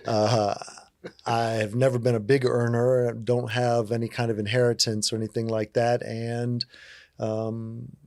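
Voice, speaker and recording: A man in his fifties from Virginia, a guest telling his life story in a relaxed, candid, self-joking way. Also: medium pitch, a little slow, no room sound, clean studio sound. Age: 50s. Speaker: interview guest. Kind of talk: casual storytelling conversation.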